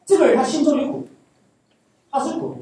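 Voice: sits high, steady tone, brisk, warm tone. A pastor preaching a sermon, repeating phrases and putting rhetorical questions to the congregation. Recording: echoey hall, voice from far off.

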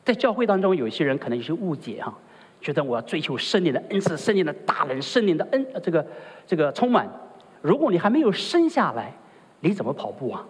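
Husky-voiced man preaching a lively sermon. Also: on the high side, fast talker, big-room sound. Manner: rhetorical, often asks the listeners "right?". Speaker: pastor.

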